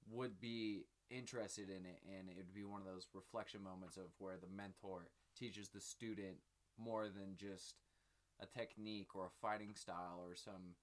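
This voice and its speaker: A man hosting his own channel, talking through his theories in a rambling, filler-heavy, casual sit-down chat. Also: deep voice. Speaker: channel host.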